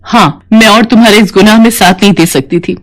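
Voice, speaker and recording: A woman's voice: mid-range voice, fairly quick, lightly acted. A woman voicing a principled young female nurse in a storybook drama, speaking earnestly with emotion. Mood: resolute.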